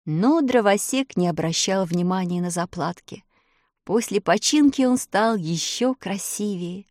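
A woman narrating a children's fairy tale aloud, with expressive, lilting storytelling and slowed emphasis. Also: medium pitch, no room sound, clean studio sound. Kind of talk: storybook reading.

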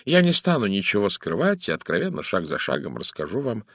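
A man's voice: fairly low pitch, wildly swooping pitch, fairly quick, gravelly, a bit bright, no room sound, studio quality, full character voice. A man voicing a fussy older male detective who lectures suspects in a precise, theatrical manner. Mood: lecturing. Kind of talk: audiobook character reading.

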